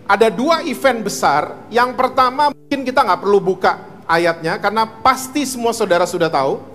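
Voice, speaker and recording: Brief: male pastor, high voice, sermon, long church reverb. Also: lively intonation, moderate pace, fairly bright tone. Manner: mixes English words, asks the congregation questions. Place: church hall.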